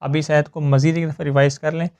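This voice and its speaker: Male tajweed tutor, clear resonant voice, slightly high, methodical and patient. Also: level tone, darkish tone. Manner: patient, explains step by step, checks with "ok?". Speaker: Quran recitation teacher. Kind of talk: tajweed lesson with slow recitation.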